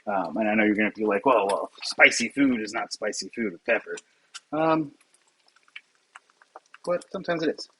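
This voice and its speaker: A man casually narrating as he cooks breakfast in his home kitchen, relaxed and talking to the camera with joking asides. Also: fairly low pitch, moderate pace, vocal fry, pauses often, a little hiss or hum, low-quality recording. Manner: relaxed, talks to camera while cooking, self-deprecating asides. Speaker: home cooking vlogger.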